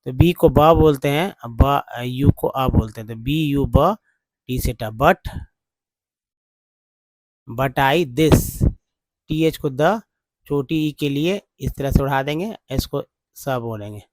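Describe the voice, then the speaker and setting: A man teaching English spelling and pronunciation, slowly sounding out each letter and repeating words many times. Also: medium pitch, a little mellow, dry recording.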